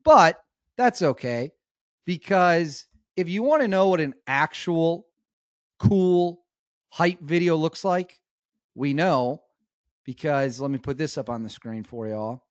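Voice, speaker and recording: A man's voice: fairly high pitch, animated, slow, no room sound, lo-fi sound. A man hosting a commentary show, reacting to video clips with heavy sarcasm and mocking exclamations. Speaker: political commentary host.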